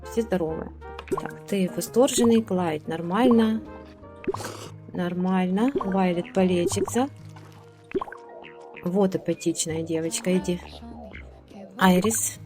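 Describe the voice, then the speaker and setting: A woman's voice: fairly low pitch, slow, pauses often, music in the background. A woman giving casual gameplay commentary, chatting along and ordering her game characters around, with hesitant fillers. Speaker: let's play host.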